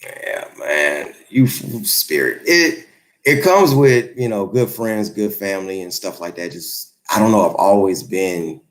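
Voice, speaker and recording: A man in his forties hosts a relaxed YouTube livestream from home in Los Angeles, answering viewer comments as they arrive. His fairly low voice has lively intonation, and he talks a little slowly in a rambling, laid-back, easygoing manner.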